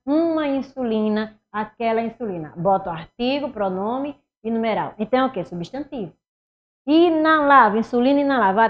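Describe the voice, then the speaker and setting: A woman leads a grammar lesson. Her voice sits a little high, and she keeps asking questions and then answering them herself. Her loudness rises and drops from one phrase to the next as she works through the answers. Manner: lively, rhetorical questions, swings loud and soft. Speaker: Portuguese teacher. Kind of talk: exam review lesson.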